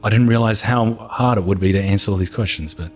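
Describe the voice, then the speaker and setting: Soft music plays as a gaming video creator from New Zealand answers his audience's questions in a casual chat. His low voice is calm and soothing, his manner relaxed, unhurried and matter-of-fact, and he's hoarse from having talked for over an hour.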